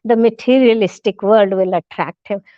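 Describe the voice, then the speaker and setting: A woman giving a talk as a guest speaker, telling a story in a halting way, with many restarts and fillers, and acting out the quoted lines. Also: mid-range voice, no room sound, dull audio. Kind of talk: storytelling lecture.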